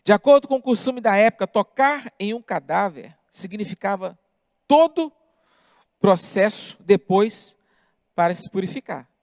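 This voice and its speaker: A male pastor delivers a sermon at an unhurried, measured pace, leaning on emphatic pauses. The sound is dry and close, with little room echo. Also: sits high, animated, darkish tone. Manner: deliberate preaching with emphatic pauses.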